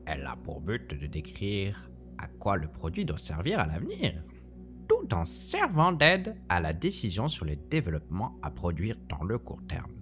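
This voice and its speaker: A woman's voice: extremely low pitch, wildly swooping pitch, normal speed, faint music behind. A woman presenting a scripted, playful explainer in a theatrical, teacherly manner. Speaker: podcast presenter.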